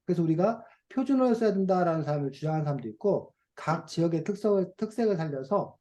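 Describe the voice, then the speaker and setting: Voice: mid-range voice, expressive, fast talker, dark tone. A teacher running an online reading class for children over a video call, asking questions and playfully acting out dialect phrases.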